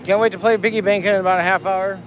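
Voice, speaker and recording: A man's voice: high voice, fairly even intonation, fast. A man live-streaming slot play with casual, profane, teasing banter. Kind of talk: casual live-stream chat while gambling. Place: busy casino floor. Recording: loud casino music and machine din.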